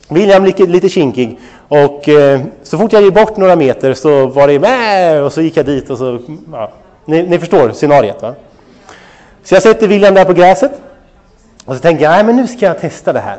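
A man in his thirties preaching a sermon on parenting, telling a family story with lively asides straight to his listeners. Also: on the high side. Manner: animated storytelling, addresses listeners directly. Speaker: pastor.

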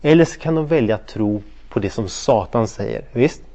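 A man teaching a Bible study, telling stories with acted-out voices and often checking that his listeners follow along. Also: medium pitch. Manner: animated storytelling, acts out quoted voices, checks in with listeners often. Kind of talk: interactive Bible study lesson.

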